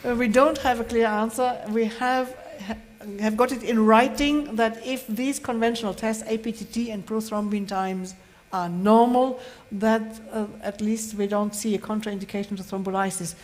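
A woman explains her reasoning step by step on a conference panel, her fairly high voice carrying long reverb through the hall. She sounds measured and methodical. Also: fairly even intonation. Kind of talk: panel discussion.

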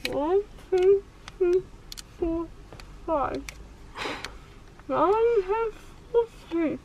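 A woman's voice: very high-pitched, lively intonation, drawn-out words. A young woman with her mouth stuffed with gauze, groggy from anesthesia, slurring and mumbling her words. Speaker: vlogger. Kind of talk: casual vlog footage. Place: inside a car on the road. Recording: muffled, with faint road noise.

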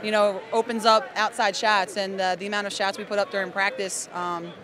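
A woman's voice: mid-range voice, level tone, brisk, crowd noise. A young woman, a college basketball player, giving an earnest post-game interview into a handheld mic in an arena, with many ums. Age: young adult. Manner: earnest, filler-heavy answers. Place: arena courtside.

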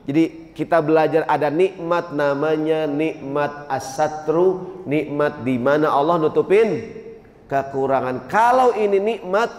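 A man, pitched slightly high, delivers a humorous sermon and slips into small acted scenes. His voice carries through an echoey mosque hall with a long reverb tail. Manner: lively, jokes and acts out little scenes. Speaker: preacher.

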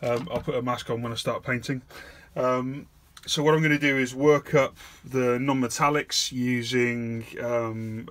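A man's voice: mid-range voice, fairly bright tone. A man hosting a casual hands-on painting tutorial, thinking aloud in a self-deprecating way. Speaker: miniature painting video host. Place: indoor painting studio.

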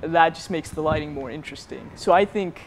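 A man's voice: fairly high pitch, a little fast, background noise. A man who works on film lighting, speaking thoughtfully in an interview. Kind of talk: behind-the-scenes interview.

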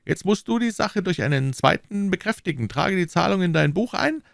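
A scheming persuader who talks down to his listener, coaxing and lecturing, as a man reads him in a raised, lively voice. The voice sits well above the reader's own and swoops about. It is a dry, close audiobook recording. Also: high voice, normal speed, vocal fry, no room sound, pitched above the performer's own voice. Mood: persuasive. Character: scheming smooth-talking man, cold persuader. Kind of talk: audiobook character voicing.

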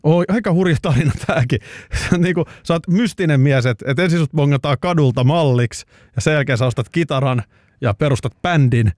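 A man's voice: on the high side, a little mellow, no echo, studio quality. A Finnish man hosting a talk show, asking probing follow-up questions. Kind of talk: interviewing.

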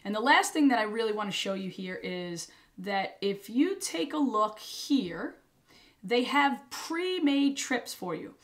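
A woman's voice: a little high, lively intonation, unhurried. A woman in her thirties, an RV travel vlogger, explaining a trip-planning tool step by step in a chatty way. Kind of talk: screen-share tutorial walkthrough.

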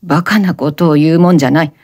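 A gentle young man, voiced by a woman reader speaks softly and earnestly, trying to reassure. The tone is mellow and unhurried, and the recording is close and dry. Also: low-pitched, dry recording. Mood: soothing. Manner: soothing, hushed, reassuring.

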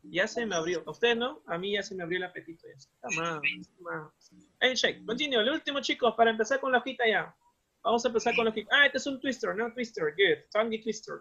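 A primary school English teacher speaks in a high, sharp-toned voice with lively intonation and a quick pace, his accent Peruvian Spanish. He cheerfully shifts between Spanish and English with young pupils in a bilingual lesson, repeating words. The recording is lo-fi and muffled.

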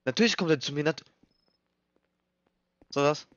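A man's voice: a little high, normal speed, no echo. A young man doing nervous, swearing let's play commentary in street slang, reading game text aloud as he plays. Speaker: gaming streamer. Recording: dull lo-fi mic, dry.

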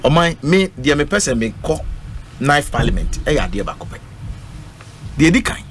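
On a political radio panel, this middle-aged guest with a Ghanaian accent talks at a normal speed, his voice on the high side and very animated. He speaks with emphasis, repeats himself, and code-switches, captured by a studio microphone on a stand in an indoor studio whose live stream is noisy.

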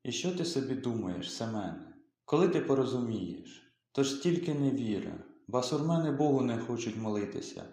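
A man's voice: medium pitch, very animated, moderate pace. A man voicing a scolding pious peasant mother. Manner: scolding, then softly pious. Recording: very echoey room.

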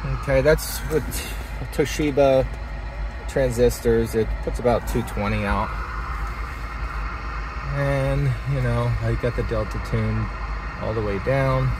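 A hobbyist vlogger gives a casual, hands-on demonstration inside a parked vehicle and out on a driveway, plainspoken and enthusiastic. His medium-pitched voice is slow with frequent pauses, and car and outdoor background noise is clearly audible.

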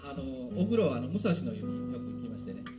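A man's voice: fairly high pitch, big pitch swings, fast. A man with a Banshu accent, a band leader, chatting and rambling on stage at a live show. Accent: Kansai, Banshu dialect. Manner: chatty, rambling, mimics local dialect. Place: outdoor park stage. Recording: live outdoor recording with guitar behind.

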